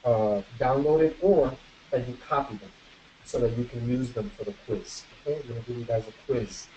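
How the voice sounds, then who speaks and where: Guy running an online english class, mixes spanish and english, drills word pairs, mid pitch, faint hiss behind. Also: a little slow, dark tone, rough recording. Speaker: English teacher.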